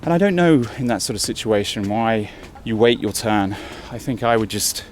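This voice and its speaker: Climbing a city hill for his travel vlog, this man from England sounds lowish, animated, and a little mellow, speaking at a moderate pace. He's chatty and slightly breathless, musing out loud as faint street sounds drift in.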